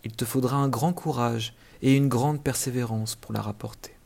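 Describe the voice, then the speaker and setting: A man voicing a kind female fairy in a storybook reading, speaking softly and gently. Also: mid-range voice, fairly even intonation, normal speed, creaky. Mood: gentle. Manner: soft, gentle.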